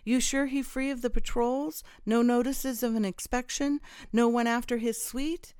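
A woman's voice: on the high side, steady tone, moderate pace, a little mellow, clear, resonant tone, dry recording, voice pushed up, natural voice. A woman voicing a wary man who coaxes and questions a drunk friend. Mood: coaxing.

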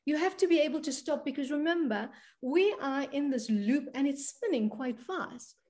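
Her voice sits high and sounds expressive, with a darkish tone at normal speed. She is a South African money and spiritual coach speaking earnestly in a conversational interview, often asking "right?" to check in.

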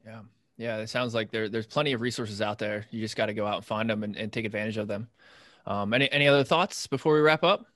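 A man's voice: fairly low pitch, fast talker, a bit bright, dry recording, clean studio sound. An American man hosting a podcast in a casual, conversational style. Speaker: podcast host.

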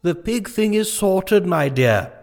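A man's voice: high voice, expressive, takes it slowly, creaky, a little mellow, exaggerated voice. An actor playing a pompous, bumbling, gluttonous medieval king in a comic drama, wordy and dithering. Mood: fond, defensive. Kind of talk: comic audio drama acting.

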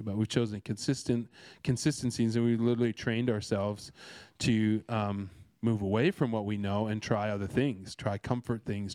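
A man's voice: lowish voice, darkish tone, dry recording. A man from Canada giving a casual devotional talk, earnest and rambling, with many restarts and fillers. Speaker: speaker sharing a devotional.

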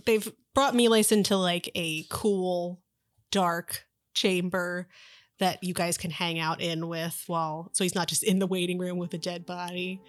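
A woman's voice: lowish voice, fairly even intonation, measured pace. A woman narrating a tabletop game as dungeon master, chatty and often breaking into laughter.

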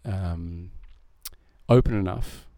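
Speaking as a guest on a casual podcast interview, a middle-aged male musician rambles, pokes fun at himself, and laughs often. His voice is low, slow, and warm, captured in a dry, clean studio recording.

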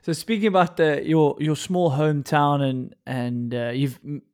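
A man's voice: on the high side, fairly even intonation, normal speed, darkish tone, clear, resonant tone. A man with a South African accent, chatting casually as he interviews a guest. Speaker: podcast host interviewer.

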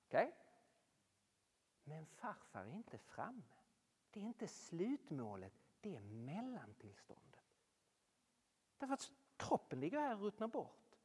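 Casting: lively preacher, big pitch swings, long hall reverb, sermon to an audience. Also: long pauses, breathy edge. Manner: animated, rhetorical questions, swings between loud and hushed. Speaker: speaker addressing a Norwegian audience.

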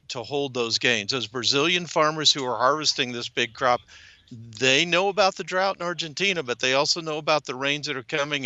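A man working as a commodities economist, giving a measured market analysis in an interview with occasional fillers. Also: mid-range voice, bright, forceful tone, dry recording, dull audio.

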